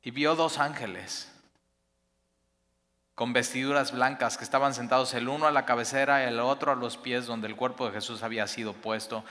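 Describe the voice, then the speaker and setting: A man delivers a sermon in a bright, forceful voice. He swells to emphatic peaks and then sinks almost to a hush. A long reverb trails behind him, as in a church hall. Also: mid-range voice, moderate pace. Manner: expressive, rising to emphatic peaks then dropping soft. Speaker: pastor.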